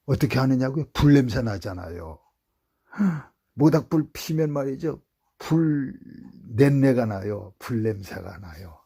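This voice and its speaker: A male pastor preaching a sermon in a church, telling stories and swinging between hushed prayer and loud appeals. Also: medium pitch, expressive, unhurried, vocal fry, breathy edge.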